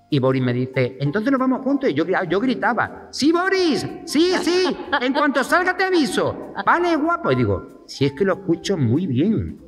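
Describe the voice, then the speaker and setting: A man spins a lively anecdote as a talk show guest, jumping into the voices of the people in his story. His voice sits a little high. The sound rings with a long hall reverb, and faint music plays underneath. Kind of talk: animated anecdote telling.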